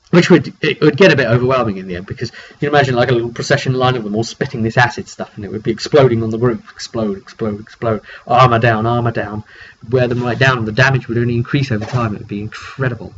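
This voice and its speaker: A British game master talks fast in a medium-pitched voice, relaying a tabletop roleplay session as a casual, rambling monologue. He acts out the players' remarks, and the lo-fi mic sounds dull with a faint hiss.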